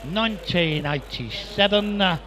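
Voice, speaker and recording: Man, live auctioneer, repetitive bid-calling patter, fairly high voice, some background noise. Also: animated, a little slow, pushed and bright. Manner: repetitive patter of prices and bids. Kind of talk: live auction chant, rapid repeated bid calls. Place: busy auction sale room.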